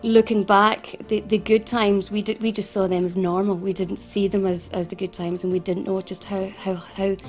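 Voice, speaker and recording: Telling her own story in an interview, a Scottish woman from Glasgow who founded a financial advice service sounds earnest and halting, repeatedly stumbling and restarting. Her mid-pitched voice stays flat and level, and soft music plays faintly beneath.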